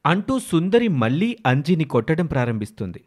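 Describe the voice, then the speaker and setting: A man narrating a moral story for a cartoon in a steady, plain storytelling manner. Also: fairly high pitch, a little fast.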